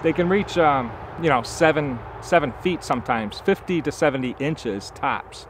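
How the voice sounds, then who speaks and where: This is casual outdoor vlog narration from a man in his forties who films nature content, speaking enthusiastically into a handheld camera at a forest campsite. He thinks out loud with many fillers; his fairly high, bright voice is expressive and evenly paced, and a faint hiss or hum runs underneath.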